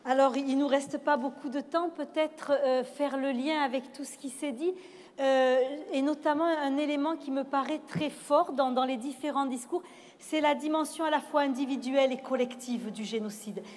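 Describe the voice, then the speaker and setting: Woman moderator, high voice, measured and reflective delivery. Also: fairly even intonation, a little mellow. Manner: measured, reflective, with hesitant restarts. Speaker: panel moderator. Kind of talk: moderating a panel discussion. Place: event hall. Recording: long reverb of a hall.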